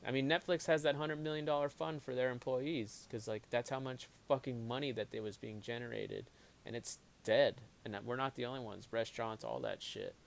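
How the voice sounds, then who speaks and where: A man's voice: medium pitch, steady tone, fairly quick, vocal fry. A man co-hosting a casual live-stream chat, reading viewer comments aloud and talking in restarts. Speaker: co-host.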